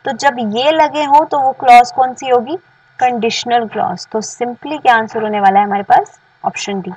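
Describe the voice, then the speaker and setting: A woman with an Indian accent teaching English grammar, explaining in Hindi and reading example sentences slowly while asking her students questions. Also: fairly high pitch, a little mellow, slightly rough, no echo, recorded from a distance, rough recording. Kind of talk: bilingual classroom-style lesson.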